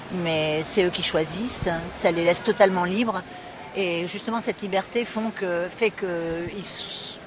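Man in his sixties, retired, calm and measured, outdoor recording with street noise. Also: sits high. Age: 60s. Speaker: retired volunteer French teacher. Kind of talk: personal testimony. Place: outdoors in a city square.

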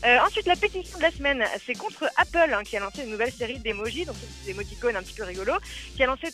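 A woman's voice: a little high, expressive, pushed and bright, faint music behind. A woman giving a playful, teasing web news column on radio, joking as she talks. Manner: playful, teasing, quick talk with laughs.

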